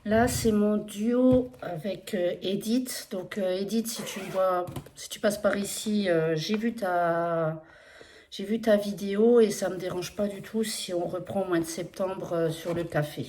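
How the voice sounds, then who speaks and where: A woman's voice: mid-range voice, a little slow, dark tone, a little hiss or hum. A woman with an accent in French, casually showing her cross-stitch projects in a hesitant, chatty, apologetic way with many fillers. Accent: non-standard accent in French. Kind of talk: casual flosstube progress update.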